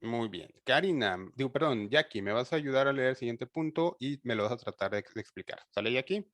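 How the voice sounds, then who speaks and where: A man's voice: medium pitch, lively intonation, a little fast, a bit bright, no echo. A man teaching a class over a video call, explaining conversationally with many fillers and restarts.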